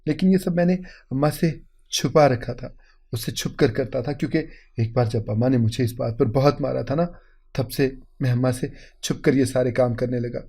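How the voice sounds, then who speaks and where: A man's voice: medium pitch, mellow, natural voice. A man voicing a distraught young husband in a storybook tale; he cries, stammers and repeats his words. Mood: confessing. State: crying. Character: anguished young husband with a shameful secret.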